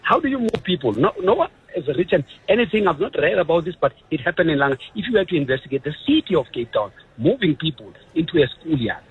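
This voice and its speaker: Emphatic South African caller on a dull line. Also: male voice, fairly high pitch, sing-song, fast talker, few pauses, husky, no echo. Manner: emphatic, complaining, loud rises. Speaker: radio caller. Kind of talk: phone-in opinion. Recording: lo-fi phone line.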